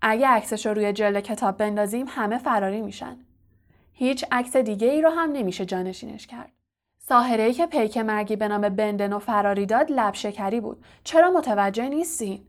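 A woman voicing a vain, evasive male wizard professor who is a fraud, smooth and condescending. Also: medium pitch, natural voice. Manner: smooth, self-justifying, condescending.

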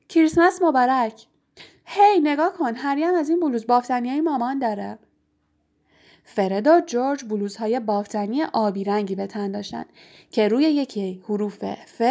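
A woman's voice: gravelly, a little mellow. A woman reading a children's novel aloud, raising her voice for the characters' lines. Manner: raises her pitch for quoted characters. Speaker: narrator.

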